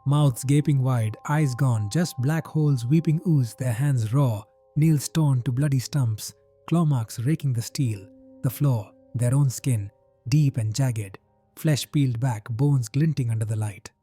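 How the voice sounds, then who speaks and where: A man narrating a first-person horror story in a grim, measured way. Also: medium pitch, dark tone, slightly rough. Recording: faint background music.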